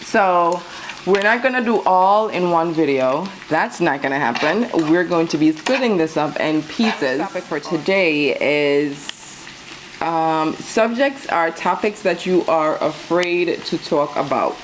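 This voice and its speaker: A woman's voice: on the low side, animated, measured pace, a little hiss or hum, rough recording. A woman co-hosting a food vlog, talking casually and giving her opinions in a conversational way. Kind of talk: casual relationship chat while cooking. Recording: loud sizzling food close by. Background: frying and sizzling on a grill.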